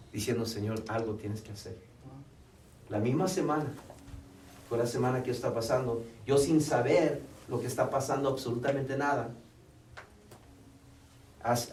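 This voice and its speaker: A man's voice: medium pitch, a little mellow, slight background noise. A man, a pastor, preaching a sermon. He tells a story and quotes dialogue, then preaches with rising intensity. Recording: echoey room, mic at a distance.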